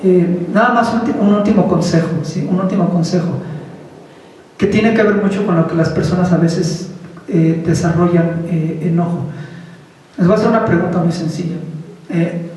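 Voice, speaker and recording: A man's voice: sits high, moderate pace, darkish tone. Man teaching in an echoey hall. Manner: conversational, asks the audience questions. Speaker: Buddhist teacher. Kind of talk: informal dharma talk. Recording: echoey hall, speaker far from the mic.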